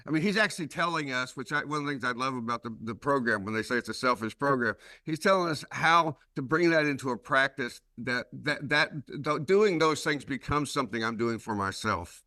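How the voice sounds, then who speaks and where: Bright-voiced Southern man telling stories. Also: mid-range voice, brisk, few pauses, no room sound. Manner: rambling, self-mocking storyteller. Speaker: podcast host. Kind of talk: casual podcast discussion.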